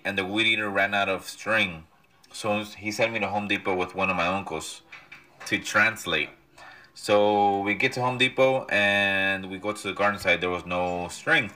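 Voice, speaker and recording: A man with a low but bright, forward voice tells a casual anecdote. He moves briskly and briefly acts out each person in the exchange. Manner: brisk, plays out the dialogue. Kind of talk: casual storytelling.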